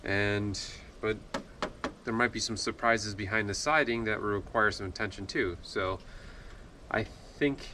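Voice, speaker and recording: A fairly low, steady, slightly slow voice belongs to a builder in his forties casually talking his work plans through to camera. He's folksy and self-deprecating, and the outdoor and unfinished-house job site leaves a noisy background.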